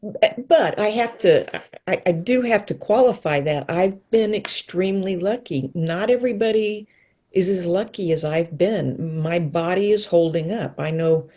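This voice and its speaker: A woman in her sixties, a guest in a casual interview, telling stories and acting out quoted lines with big jumps in her voice. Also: measured pace. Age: 60s. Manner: lively storyteller, acts out quotes with pitch leaps.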